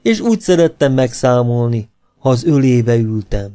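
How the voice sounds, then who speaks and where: A man's voice: medium pitch, very animated, mellow, natural voice. Man voicing a coy young actress. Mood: wistful.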